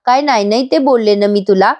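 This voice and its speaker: A woman voicing a remorseful, warm young sister-in-law in a voice-over episode recap, earnest and apologetic. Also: a little high, brisk, close to an everyday voice. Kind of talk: voice-over recap reading a character's lines.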